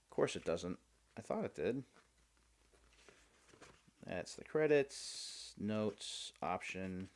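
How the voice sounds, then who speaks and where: Low-pitched man hosting a casual unboxing. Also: lively intonation, takes it slowly, pauses often. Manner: chatty, thinking aloud as he goes. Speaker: host of a game unboxing video series.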